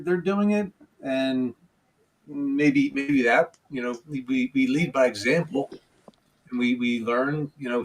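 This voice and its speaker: Husky man heard from a distance. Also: mid-range voice. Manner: thoughtful, halting, folksy. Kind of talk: casual livestream panel chat. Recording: distant, husky mic pickup.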